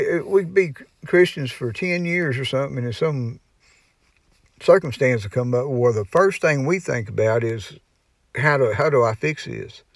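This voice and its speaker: A man giving an informal Bible teaching in a folksy, rambling way, often pausing with "you know" and restarting his sentences. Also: medium pitch, dry recording. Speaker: preacher.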